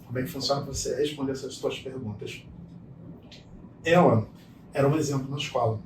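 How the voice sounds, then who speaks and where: A man's voice: medium pitch, a little fast. A middle-aged man, a guest speaker, telling stories in conversation and acting out the dialogue. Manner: animated storyteller, acts out dialogue. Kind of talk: storytelling conversation. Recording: echoey room, distant mic, faint noise.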